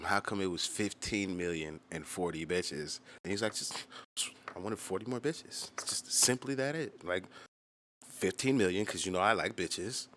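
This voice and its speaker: A musician hosting his own channel talks casually about his music, swearing freely, telling stories, and acting out quoted exchanges. His voice is deep with a fairly bright tone, and there's a little hiss or hum.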